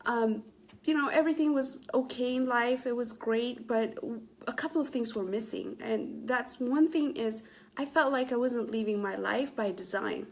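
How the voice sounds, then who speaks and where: A woman's voice: a little high, a little mellow. A middle-aged woman from Ethiopia hosting a casual live stream, talking earnestly to viewers with many fillers and restarts. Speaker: Facebook Live motivational host.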